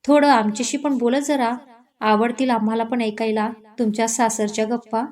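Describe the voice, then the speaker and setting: A woman's voice: fairly high pitch, fairly even intonation, normal speed, darkish tone, natural voice. A woman voicing a jovial middle-aged mother who teases her daughter and friend, in a storybook reading. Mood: teasing. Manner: teasing.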